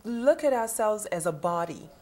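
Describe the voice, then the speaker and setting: A woman from Trinidad and Tobago, a guest in a TV studio interview, animated and laughing often as she asks rhetorical questions. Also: mid-range voice, moderate pace. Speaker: guest, event coordinator.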